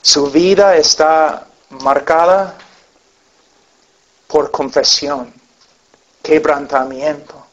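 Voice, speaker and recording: A man's voice: on the high side, steady tone, very slow, pauses often. A man preaching a sermon to a congregation, telling stories earnestly and acting out the people in them, on a dull lo-fi recording. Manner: earnest storytelling with acted-out voices.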